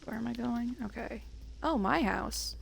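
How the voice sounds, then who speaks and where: Creaky-voiced woman streaming games. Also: on the high side, a little slow, a little hiss or hum. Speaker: game streamer. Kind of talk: casual livestream chat, reading game dialogue aloud.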